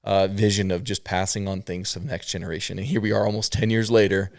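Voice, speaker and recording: A man's voice: low-pitched, level tone, fast, creaky, darkish tone, no room sound, studio quality. A man hosting a casual interview podcast, talking and reading aloud as the host.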